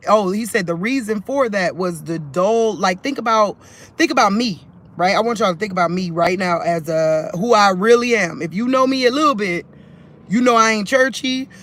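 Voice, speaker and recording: A man with a high-pitched, slightly bright voice vlogs about faith into his phone. He rambles loosely and conversationally to the camera, restarting sentences and leaning on fillers.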